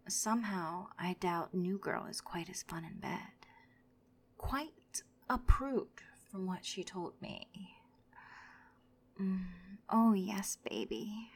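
A woman's voice: lowish voice, takes it slowly, slightly rough, heavily acted. A woman voicing a vindictive jilted ex-girlfriend in an audio roleplay, often whispering as she gloats. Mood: taunting.

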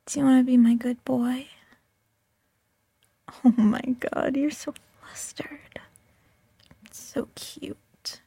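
A woman's voice: sits high, steady tone, takes it slowly, gravelly, pauses often, mellow, slightly rough, dry recording. A woman performing a whispered audio roleplay close to the microphone, teasing and coaxing in a mostly whispered voice.

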